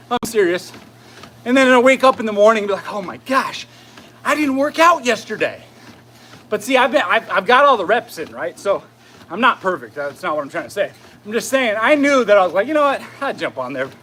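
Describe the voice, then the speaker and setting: A man giving a casual motivational fitness talk as a coach while walking briskly on a treadmill, often checking in with "right?". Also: high-pitched, very animated, pushed and bright. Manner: conversational, often tags phrases with "right?".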